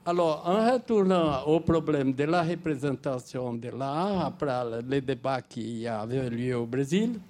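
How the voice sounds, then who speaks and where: An older man from Brazil with a Brazilian accent, a Portuguese speaker talking haltingly in French as he addresses a public discussion from the audience. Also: medium pitch, expressive, a little mellow. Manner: halting, searching for words in non-native French. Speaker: audience member making a comment. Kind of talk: spontaneous spoken remarks at a public discussion.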